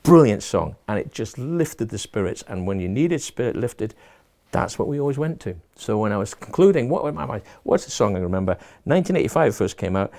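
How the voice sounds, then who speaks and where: A middle-aged man talks through his advice in an interview, pausing and restarting as he thinks. His voice is low and mellow with a gravelly edge. He sounds reflective and plain-spoken. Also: big pitch swings. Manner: thoughtful, restarts and repeats words, offers homely advice. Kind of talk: reflective casual conversation.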